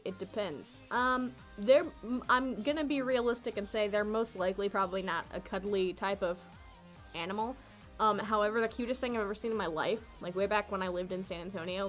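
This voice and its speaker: A young woman answers chat questions on a casual livestream at a middle pitch. She rambles, giggles and restarts her sentences as she goes. Faint music plays quietly in the background. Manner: rambling, giggly, self-interrupting.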